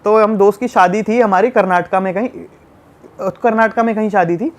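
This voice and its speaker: A young man from tells a story in a casual chat. His voice sits high for a man, and he talks in an animated, emphatic way, repeating words for effect. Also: brisk. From Delhi. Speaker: podcast guest.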